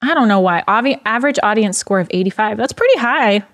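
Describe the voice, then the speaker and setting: A woman's voice: a little high, expressive, quick pace, fairly bright tone. A woman co-hosting a podcast in casual chat, easygoing and thinking aloud as she talks. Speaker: podcast co-host.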